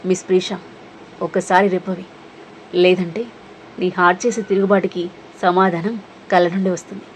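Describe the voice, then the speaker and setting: A woman voicing a mysterious, calm young man in a spoken romance story, talking quietly and evenly. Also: a little hiss or hum, close to an everyday voice. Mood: calm, teasing. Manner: quiet, low and measured.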